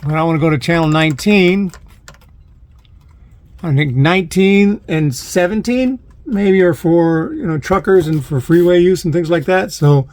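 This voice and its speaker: A man with a fairly high, darkish voice demonstrates his amateur DIY install for a vlog, pausing and thinking aloud as he handles the gear. He films on a phone in a van, with clear CB radio static and the clicking of knobs behind him.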